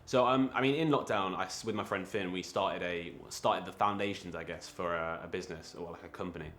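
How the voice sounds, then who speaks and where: A young man talking in a casual, reflective interview, halting often with fillers and restarts. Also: low-pitched, a bit bright, a little hiss or hum. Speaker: creative interviewee.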